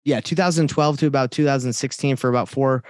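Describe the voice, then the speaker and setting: A man's voice: medium pitch, steady tone, fast talker, dry recording, clean studio sound. A man in his thirties who grew up in Georgia, a friendly guest telling his story with some rambling restarts. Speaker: real estate guest. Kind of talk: conversational interview.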